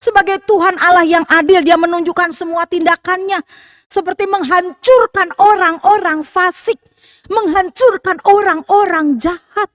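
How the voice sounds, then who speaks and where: A woman pastor preaching a sermon in a high voice, recorded close and dry with almost no room sound. She puts questions to the congregation and answers them herself, and at times she acts out tearful prayers in a raised voice. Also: steady tone, normal speed, no echo. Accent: Indonesian.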